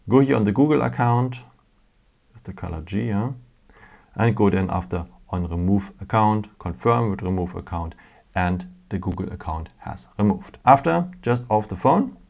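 His voice sits on the low side, a little mellow with vocal fry, as he guides a casual phone tutorial one step at a time. Patient and prone to fillers and non-native phrasing, he records indoors at a table.

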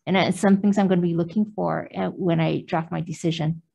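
An older woman testifying as a nominee at a confirmation hearing, answering in a measured, careful way with hesitant fillers, through a mask into a table mic. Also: lowish voice, steady tone, gravelly, mellow, dull audio. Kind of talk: formal testimony answering questions. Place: government hearing room behind a plexiglass screen. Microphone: table microphone, wearing a face mask.

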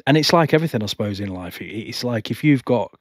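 A man chats to camera from home about motorbike touring, nervous and rambling, often restarting his sentences. His voice sits low and husky, and the recording is close and dry. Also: animated, quick pace, no room sound. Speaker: motorcycle vlogger. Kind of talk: casual talk to camera, reading viewer questions. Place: home, not a studio. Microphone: home microphone.

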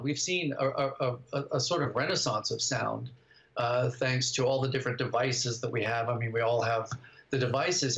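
With a mid-range, slightly bright voice marked by vocal fry, an older man answers interview questions thoughtfully as a guest writer and director. He's on a video call from his home study, and the audio is dull.

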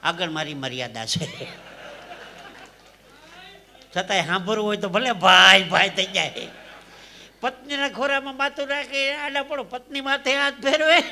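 A man tells jokes and stories live on stage into a stage mic, in a high, strikingly bright voice. His delivery drops to hushed asides and then rises to loud punchlines. A faint noise sits under the voice. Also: expressive, moderate pace. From Saurashtra, Gujarat. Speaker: stage comedian and storyteller. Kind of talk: live folk comedy storytelling.

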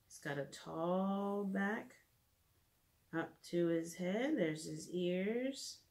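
Drawing at home in her living room, a children's art and reading teacher guides preschoolers through a simple lesson, speaking gently in plain words and thinking aloud as she works. She talks very slowly in a fairly low voice, recorded by a camera a few feet away.

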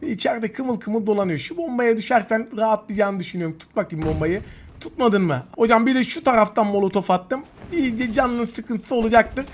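A man giving live gameplay commentary, excitable and taunting his opponents while he talks to viewers. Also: high-pitched, brisk, a little hiss or hum. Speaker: gaming YouTuber. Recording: game gunfire loud behind voice.

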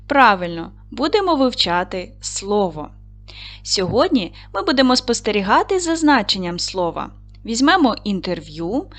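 A woman teacher giving a recorded lesson to second graders, patient and encouraging as she praises and guides the children. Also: mid-range voice. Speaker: primary school teacher.

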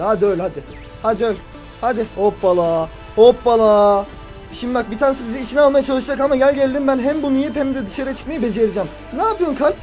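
Male gaming host, high voice, rapid chatter, animated, yells and groans at the game. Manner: animated, shouts and groans at the game, mock insults. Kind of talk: excited gameplay commentary.

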